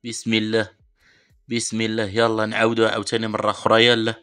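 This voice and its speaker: A Moroccan-accented man talks quickly in a lowish voice as he opens game packs live for his viewers. He chats to them as brothers, mixing sighing pious exclamations with sudden bursts of excitement. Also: clear, resonant tone. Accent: Moroccan Arabic. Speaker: mobile football game channel host. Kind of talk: live pack-opening commentary.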